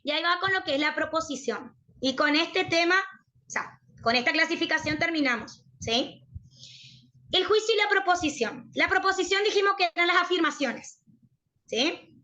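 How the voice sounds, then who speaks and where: A woman's voice: very high-pitched, animated, normal speed, sharp tone. A woman with an Argentine Spanish accent teaching a university prep logic lesson, checking in with her students after nearly every phrase. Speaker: tutor.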